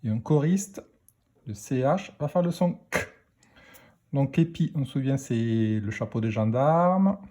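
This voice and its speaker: A man teaching a phonics lesson to children, speaking slowly and deliberately as he spells out letters and sounds. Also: medium pitch, animated, dark tone.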